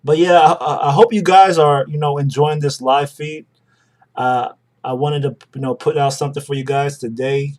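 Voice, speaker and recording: A man's voice: a little high, fairly even intonation, normal speed, darkish tone. A young adult man hosting a live stream, talking casually through charts and greeting viewers by name. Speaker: livestream host.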